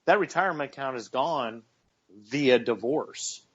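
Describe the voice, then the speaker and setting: Heard through lo-fi audio, this fortysomething male co-host of a casual radio talk show has a slightly rough, mid-range voice. He's expressive but a little slow, and earnestly repeats words as he gathers his thoughts.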